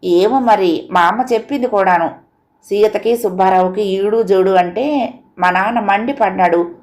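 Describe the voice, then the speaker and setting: A woman's voice: medium pitch, moderate pace, a little mellow, lightly acted. A woman voicing a timid, pouting young village girl.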